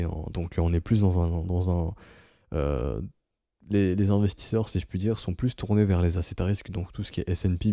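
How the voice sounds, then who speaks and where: Deep, dark-voiced man analyzing charts. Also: no room sound, clean studio sound. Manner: explanatory, peppered with "ok?" and "hein". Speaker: crypto market analyst. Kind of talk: casual chart analysis commentary.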